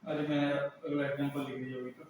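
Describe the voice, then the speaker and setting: A man's voice: medium pitch, little pitch movement, brisk, a little mellow, slight background noise. A male teacher giving a classroom lesson who keeps asking and answering his own questions. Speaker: English teacher. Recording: echoey room, mic far off.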